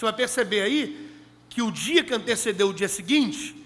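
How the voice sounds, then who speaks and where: A male preacher with a very high, sharp, ringing voice delivers an emphatic sermon and hammers home key phrases. His words carry a long reverb from a large meeting hall, picked up through a stage microphone. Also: lively intonation, moderate pace.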